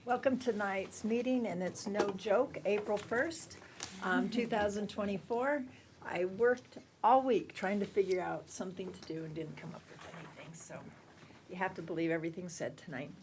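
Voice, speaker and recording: A woman's voice: medium pitch, normal speed, a little mellow, slight background noise. A woman with a mid-range voice chairs a council meeting, calling members in turn. Her tone is light and joking.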